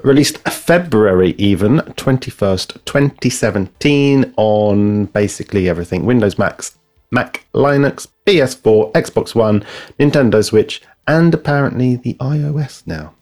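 A man's voice: fairly low pitch, animated, unhurried, a little mellow. Playful man hosting a chatty podcast. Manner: playful, self-deprecating, stumbles over names and dates. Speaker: podcast host. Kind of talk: casual podcast chat.

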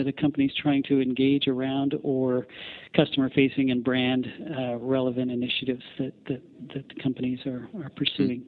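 A man with a Canadian accent being interviewed, explaining his company in halting, measured corporate language. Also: mid-range voice. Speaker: company founder, interview guest. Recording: tinny phone line.

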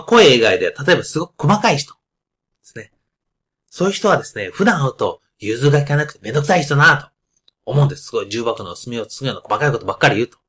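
A man hosting a podcast with a loud, carrying voice, explaining ideas in a casual monologue full of asides and fillers. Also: mid-range voice. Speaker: podcast host.

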